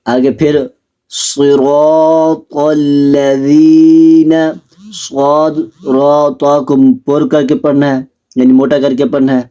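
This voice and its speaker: Male Quran teacher, quick explanations, slow recitation. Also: medium pitch, little pitch movement, warm tone. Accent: Pakistani Urdu. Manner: explains rules quickly, then recites slowly and melodically. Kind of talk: recitation lesson.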